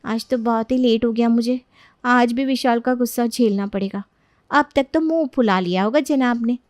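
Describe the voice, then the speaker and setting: A woman's voice: on the high side, normal speed, a little mellow, no echo, clean studio sound, natural voice. A woman voicing a kind, obliging young woman in a cartoon story, talking sweetly and always ready to help. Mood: fretting.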